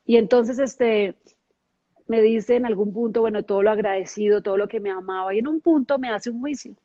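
In a podcast conversation, a middle-aged guest tells her own story with feeling, earnestly and with frequent repetition. Her fairly high voice is warm and brisk, and the dry, lo-fi recording has no room sound.

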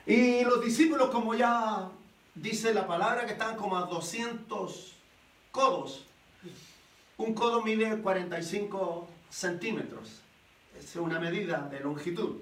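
A man preaching a sermon, telling the story in an animated way and asking rhetorical questions. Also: sits high, unhurried. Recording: echoey room, voice from a distance.

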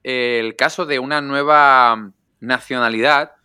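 A man hosting a casual chat in a teasing, energetic way. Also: mid-range voice, unhurried, clear, resonant tone, no echo, clean studio sound. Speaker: host.

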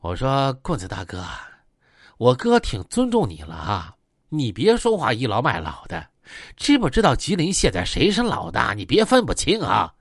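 A man puts on a cocky young henchman. He lectures in a condescending tone, with lively pitch and a dry sound. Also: moderate pace, vocal fry, husky, no room sound, full character voice. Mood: scornful.

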